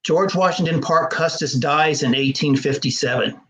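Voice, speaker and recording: Measured male historian, fairly high voice. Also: a bit bright, rough recording. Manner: measured, explanatory, with frequent fillers. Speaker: historian and genealogist guest. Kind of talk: explaining history over slides in an interview.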